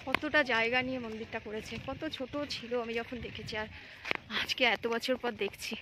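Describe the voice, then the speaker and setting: A woman's voice: fairly high pitch, fairly even intonation, brisk. Chatty Bengali woman vlogger, noisy phone audio. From India. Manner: chatty, addresses viewers as friends; speaks softly inside the temple. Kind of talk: casual vlog narration. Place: temple and home, partly outdoors.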